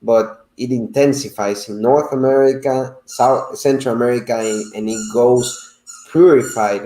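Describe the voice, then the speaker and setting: A man from El Salvador, chatting as a guest and often pausing to search for words. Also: mid-range voice, steady tone, mellow. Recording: roomy echo.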